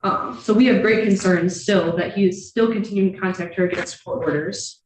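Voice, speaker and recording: A woman's voice: medium pitch, fairly even intonation, normal speed. A woman speaking as a prosecutor, making a formal argument in court. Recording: distant, echoey, noisy courtroom microphone.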